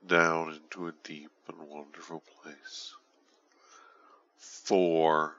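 A man speaking as a hypnotist in a guided relaxation, soothing and hushed, intimately close to the ear, often trailing into whispers, on a dull recording. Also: extremely low pitch. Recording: dull lo-fi audio with faint noise.

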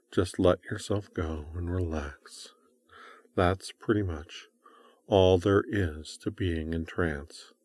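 Male hypnotist, deep voice, very dry close recording, soothing and repetitive, coaxing the listener through an induction. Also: darkish tone, dry recording.

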